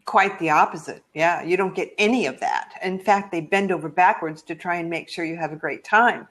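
A woman's voice: lowish voice, fairly quick. An older American woman, a travel blogger, telling travel stories in a video call interview, chatty and full of ums. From United States. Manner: warm, chatty storytelling with frequent ums. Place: living room at home.

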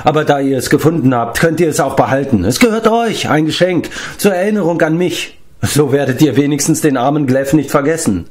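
A man's voice: a little high, brisk, voice pushed up, lightly acted. A man voicing a whiny, self-pitying male giant in an audiobook reading, wailing his complaints.

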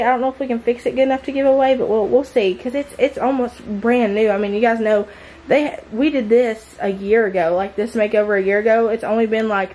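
A woman's voice: a little high, darkish tone, slight background noise. A woman, chatting casually and rambling a bit as she tours her son's bedroom, filmed on a handheld camera. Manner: chatty, rambling with fillers and restarts. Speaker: vlogger, stay-at-home mom. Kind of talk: casual clean-with-me tour. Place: child's small red bedroom in a mobile home. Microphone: handheld camera at arm's length.

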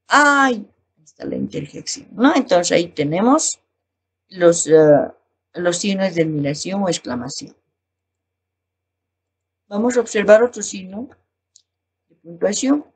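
A woman teacher with a Bolivian Spanish accent talks through a lesson at a slow, explanatory pace, reading her examples aloud. Her voice is a little husky, and her pitch moves up and down a lot as she speaks. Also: a little mellow. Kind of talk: recorded class lesson.

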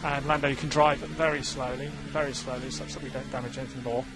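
A man working as a race engineer, giving calm, reassuring, repeated instructions over race team radio. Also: mid-range voice, quick pace, noisy background.

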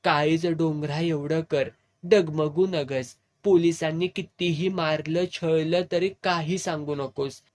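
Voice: medium pitch, steady tone, slow pace, a little mellow, lightly acted. A narrator doing a fearless young village woman. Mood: firm. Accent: rural Satara Marathi. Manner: firm, defiant.

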